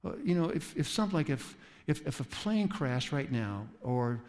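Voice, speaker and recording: A man preaching a sermon in an animated way, acting out quoted voices with sudden jumps in pitch. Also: moderate pace. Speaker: pastor. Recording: long reverb of a large hall.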